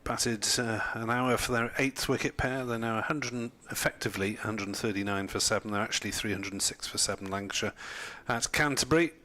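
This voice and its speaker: A man co-commentating on cricket, reading out other scores in a hesitant, matter-of-fact way with many pauses. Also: on the low side, pushed and bright.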